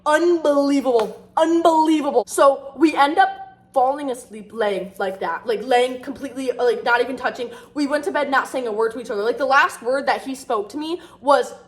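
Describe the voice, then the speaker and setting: A young woman talks straight to her audience in a casual storytime vlog. Her voice sits a little high, and she rambles with constant fillers and pokes fun at herself as she goes. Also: brisk. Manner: rambling, filler-heavy, self-mocking. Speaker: vlogger.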